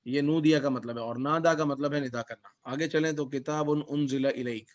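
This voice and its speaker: A man teaching Quranic Arabic as a class lesson, reciting verses slowly and then explaining them word by word. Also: mid-range voice, steady tone. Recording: dull lo-fi recording.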